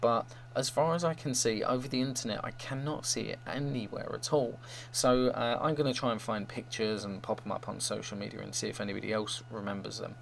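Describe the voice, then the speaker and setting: A man's voice: on the low side, steady tone, a little fast, gravelly, hardly any pauses. A man hosting a fan show, giving an informal review and report. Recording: faint hum and noise.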